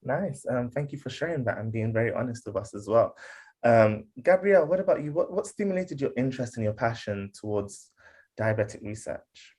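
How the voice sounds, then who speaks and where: A man's voice: medium pitch, expressive, brisk, darkish tone, husky. A man from the UK hosting an online panel on a video call, friendly, with frequent fillers and restarts. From United Kingdom. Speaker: panel host.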